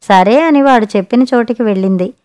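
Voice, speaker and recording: A woman's voice: a little high, a little fast, darkish tone, lightly acted. A woman narrator voicing an impatient daughter-in-law, speaking curtly and with exasperation. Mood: irritated. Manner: curt, exasperated.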